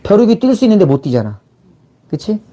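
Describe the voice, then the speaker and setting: A man's voice: sits high, very animated, a little fast, mellow. A middle-aged man giving a casual lecture in blunt informal speech, firing rhetorical questions at his listener. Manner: acts out little quoted exchanges mid-talk. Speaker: channel host, life and money mentor.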